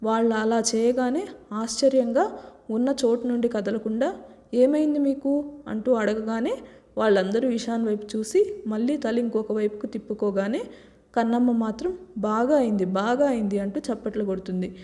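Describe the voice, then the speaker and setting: A woman storyteller narrating a serial love story briskly. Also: a little high, mellow. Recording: long reverb.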